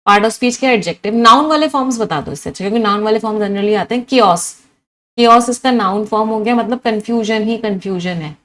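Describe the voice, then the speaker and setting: Speaking at a fairly quick clip in a fairly high voice, a woman leads an online vocabulary lesson live. Switching between Hindi and English, she offers one synonym after another and tests her learners with questions in a spirited way.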